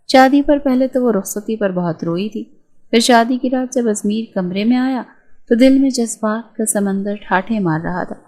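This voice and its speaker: A woman narrating a romance novel in a steady storytelling manner. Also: medium pitch.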